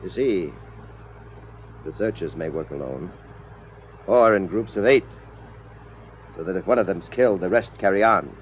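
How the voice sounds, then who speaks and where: In a 1950s radio drama, a male actor with a deep, natural voice plays a smooth-talking, scheming time searcher who poses as a film producer to trap a couple. Speaking at normal speed with frequent pauses, he uses glib, wheedling patter that turns into barked orders, with a sinister mood. The old radio transcription sounds dull, with faint hiss.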